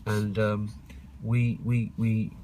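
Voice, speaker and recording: A man's voice: lowish voice, monotone, slow, dark tone, slight background noise. A man, a stand-up comedian, telling rambling anecdotes in a casual interview, often restarting his sentences.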